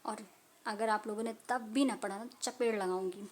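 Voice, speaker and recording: Recorded on a phone at home, a woman tutor reviews a medical book while chatting casually to viewers in a teacherly way, laughing and apologizing often. Her medium-pitched voice stays steady at a normal speed, with a little hiss or hum.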